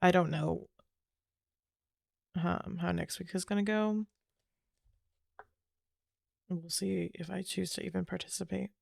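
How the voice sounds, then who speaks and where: A woman's voice: fairly low pitch, steady tone, unhurried, vocal fry, pauses often, darkish tone, dry recording. A woman streamer chatting casually after a game, rambling, trailing off and correcting herself as she goes. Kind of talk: casual chat while gaming.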